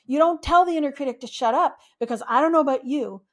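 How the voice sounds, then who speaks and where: A woman therapist in a podcast interview, speaking in a gentle, soothing, reflective way. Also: high-pitched, quick pace.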